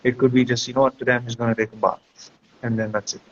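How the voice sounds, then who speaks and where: A man appearing as a guest counselor races through his reflective, explanatory advice in a mid-range voice with little pitch movement. He frequently checks in with the listener by asking "right?", and the recording is dull and lo-fi with noticeable background noise.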